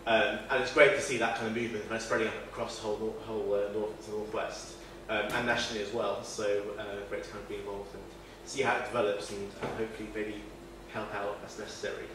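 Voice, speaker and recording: Speaking quickly with few pauses and little pitch movement, a fairly low-voiced man presents informally at a meetup, full of fillers, restarts and self-deprecating chat. He is not from northern England, and the distant recording from the event room is very echoey with faint noise.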